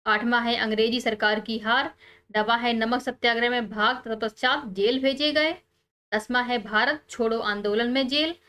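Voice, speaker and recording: A woman teacher, calmly explaining textbook answers step by step and pausing on key words. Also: on the high side.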